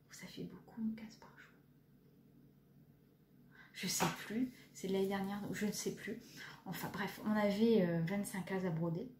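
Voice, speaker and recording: A woman in her thirties talks through her stitching projects in a rambling way, full of fillers and little jokes at her own expense. Her voice is mellow and soft in tone. The recording picks up an echoey room with a faint hiss behind her. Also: medium pitch. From France. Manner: chatty, hesitant, many fillers, self-deprecating. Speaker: cross-stitch vlogger. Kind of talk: casual show-and-tell chat.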